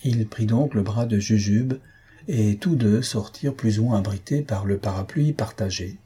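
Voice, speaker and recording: Husky, warm-voiced man reading a story. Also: on the low side. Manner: even, measured storytelling. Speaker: audiobook reader. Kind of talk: scripted narration.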